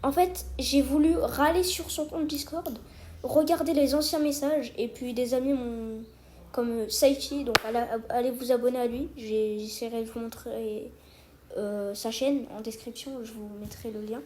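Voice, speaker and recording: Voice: mid-range voice, fairly even intonation, normal speed, warm tone, slight background noise. A child or young teenager talking casually and hesitantly to subscribers in an informal online video commentary. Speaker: video creator addressing subscribers.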